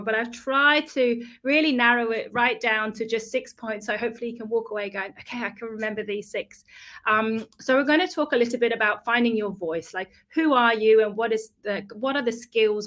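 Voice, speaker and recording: A woman's voice: a little high, fairly bright tone. A woman from the Netherlands presenting in an online webinar, fluent and friendly with frequent ums. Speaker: YouTube partner manager presenting.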